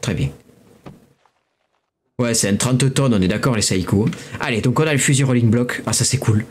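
Chatty French gamer guy, medium-pitched, casual running commentary while playing. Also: normal speed, slight background noise. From France. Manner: chatty, reads game prompts aloud. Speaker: let's play host.

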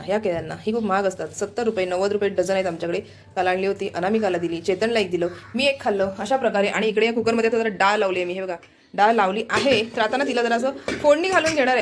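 Woman vlogger, Marathi accent, fast, chatty home walkthrough on a phone, faint room hum. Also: medium pitch. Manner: chatty, repeats "look here" while showing things. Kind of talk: casual home vlog narration. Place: home, kitchen and window.

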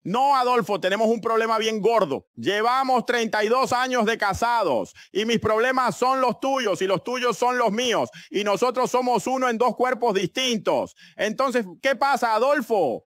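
A man's voice: extremely high pitch, normal speed, hardly any pauses, fairly bright tone, no echo, voice pushed up. A man voicing a middle-aged wife, married for decades, who lectures her husband insistently.

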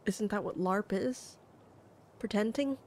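A woman's voice: mid-range voice, takes it slowly, a little mellow, slight background noise. A woman streaming a game, giving casual commentary with wry, offhand asides and reading text aloud.

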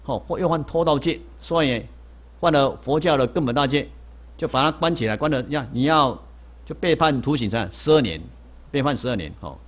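A man's voice: medium pitch, lively intonation, fairly quick, lightly acted. A man voicing a stern ancient king who passes a verdict in a story told during a sermon. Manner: stern, judging.

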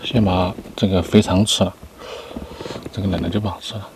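Low-voiced man chatting as he eats. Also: fairly even intonation, a little fast, noisy background. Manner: talking between bites while eating. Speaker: vlogger eating on camera. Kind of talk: casual mukbang chat. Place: inside a parked car.

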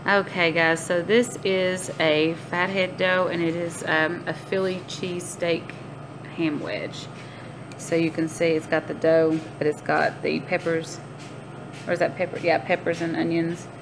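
In a fairly low, flat voice at a measured pace, a woman chats informally to viewers she calls "guys." The vlog was shot on a phone held at arm's length, and the recording is noisy and amateur.

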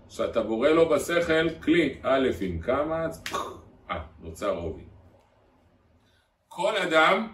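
A man's voice: medium pitch, fairly bright tone. A man, a rabbi, giving a Torah lesson to a live audience, drilling phrases and putting questions to his listeners. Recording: echoey room, far from the mic, faint noise.

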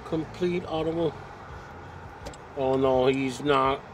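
A man's voice: mid-range voice, steady tone. A man giving a casual running commentary to himself while driving, recorded on a dashboard camera inside the car. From Massachusetts, USA. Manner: muttering, halting remarks to himself. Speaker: vlogger narrating his drive. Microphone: dashboard camera mic. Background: faint car and road noise.

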